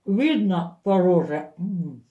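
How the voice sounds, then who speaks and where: A woman's voice: lowish voice, expressive, slow, narrow, tinny audio. A woman with a Ukrainian accent chatting to viewers in a mukbang vlog, talking with her mouth full of bread. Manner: chatty, talks straight to viewers. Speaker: vlogger.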